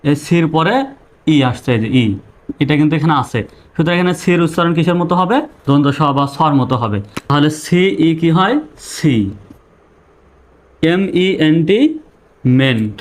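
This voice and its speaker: A man gives an online video lesson on English pronunciation. His voice sits a little high. He talks patiently and repeats himself, posing questions and answering them himself. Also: a little fast. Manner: patient, repetitive, asks and answers own questions.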